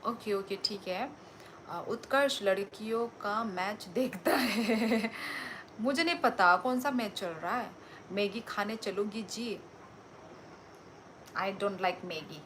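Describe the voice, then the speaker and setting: A woman talks slowly and unhurriedly while hosting a live stream. Her pitch sits at a medium height. She reads viewers' comments aloud and answers them with playful teasing. A faint ambient hum runs underneath. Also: a bit bright, poor audio. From Tripura, India. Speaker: livestreamer. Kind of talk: casual live-stream chat.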